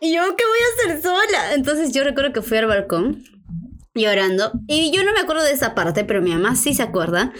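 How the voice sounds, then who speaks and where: Young woman, slightly high voice, animated storyteller, slangy casual chat. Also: a little fast.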